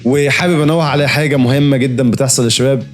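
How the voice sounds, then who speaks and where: A young Egyptian man critiques graphic designs in a rapid, chatty, friendly flow. His voice sits at an ordinary middle pitch and never slows down. Faint music plays underneath. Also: fairly even intonation. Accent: Egyptian Arabic. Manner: rapid, chatty, lots of fillers and friendly asides. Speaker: design reviewer host.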